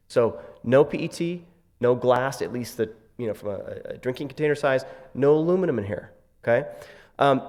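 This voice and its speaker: A man giving a conference presentation in a casual way, with many fillers and wry asides. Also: medium pitch. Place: conference session room. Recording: long hall reverb.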